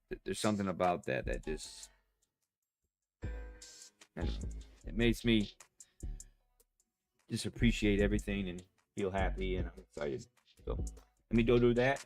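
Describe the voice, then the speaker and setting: A man chatting casually to his stream viewers, rambling and excitable, full of fillers and restarts. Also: sits low, normal speed, pauses often. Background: faint music.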